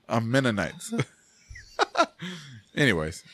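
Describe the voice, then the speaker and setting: A man's voice: medium pitch, very animated, drawn-out words, pushed and bright, breathy edge. A man hosting a casual podcast chat, laughing often and tripping over his words. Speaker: podcast host.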